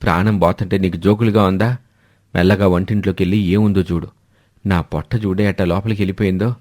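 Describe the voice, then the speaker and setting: A man voicing a hungry, complaining old father-in-law in an animated story. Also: low-pitched, brisk, no echo, studio quality, close to an everyday voice. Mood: grumbling. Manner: whiny complaining, fearful asides.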